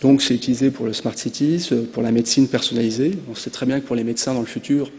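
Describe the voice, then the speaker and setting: A man from France gives a conference presentation, hesitating and using frequent filler sounds. His medium-pitched voice is steady and a little mellow, and he talks fast, with the long reverb of a conference hall around him.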